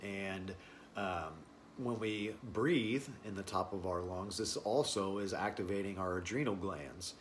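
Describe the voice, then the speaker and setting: Guy with a lowish voice teaching wellness stuff, pauses between short phrases, noisy ambience behind him. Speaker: breathing and stress-relief class instructor. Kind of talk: informal explanatory wellness talk.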